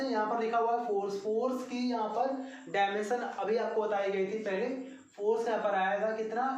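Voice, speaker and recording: In a coaching-centre classroom, a high-voiced man lectures at the board on physics, explaining step by step, repeating himself and speaking directly to his students. The room is very echoey and the mic sits far away.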